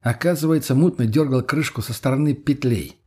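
Husky guy reading a first-person audiobook, mid pitch, steady. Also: fairly quick. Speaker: narrator. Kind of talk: audiobook narration.

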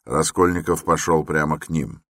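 A man narrating a classic novel as an audiobook in a measured, even reading. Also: a bass voice, dry recording, clean studio sound. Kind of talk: scripted literary narration.

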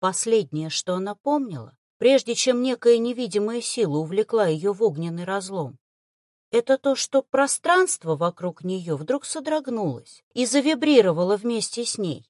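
A woman reading a fantasy novel aloud as an audiobook narrator, expressive storytelling. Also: mid-range voice, moderate pace, no room sound, studio quality. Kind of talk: scripted narration.

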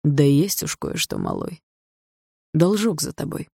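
A man's voice: on the high side, wildly swooping pitch, unhurried, vocal fry, a little mellow, dry recording, studio quality, exaggerated voice. A man voicing a rude, threatening adult street thug in an audiobook, talking in crude slang. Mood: menacing. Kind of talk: audiobook dialogue reading.

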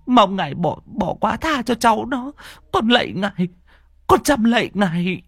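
A man's voice: sits high, sing-song, normal speed, creaky, a bit bright, slightly rough, dry recording, clean studio sound, voice pushed up, exaggerated voice. A man voicing a fretful old village woman, stammering as she implores. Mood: pleading.

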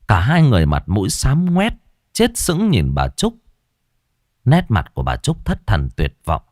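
Low, dramatic male ghost-story narrator. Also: no room sound, studio quality.

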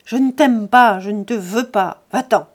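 A woman reading an audiobook, voicing a furious young farm woman who scornfully shouts down a man. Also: medium pitch, a little slow, natural voice.

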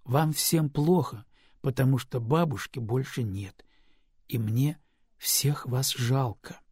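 A husky-voiced man voicing a sad, stubborn little girl who speaks slowly and quietly, in an audiobook. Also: mid-range voice, dry recording, studio quality. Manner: slow, subdued.

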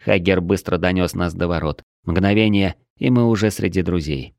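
A man narrating a first-person fantasy audiobook in a steady, measured way. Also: deep voice, gravelly, no room sound, clean studio sound.

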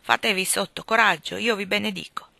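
Brief: woman voicing a mocking, offhand husband, audiobook, bright tone. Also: medium pitch, steady tone, brisk, creaky, no echo. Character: scornful, dismissive married gentleman. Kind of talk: audiobook reading.

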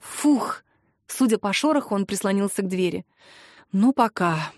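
Expressive woman reading a novel aloud. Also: mid-range voice, normal speed, dry recording, studio quality. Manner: expressive, lively reading with heroine's lines acted. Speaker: audiobook narrator. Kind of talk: first-person audiobook narration.

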